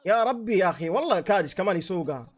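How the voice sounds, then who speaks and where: A man's voice: sits high, animated, rapid-fire. A man giving a live football match reaction, exclaiming and heckling the players into his own microphone. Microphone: own desk microphone.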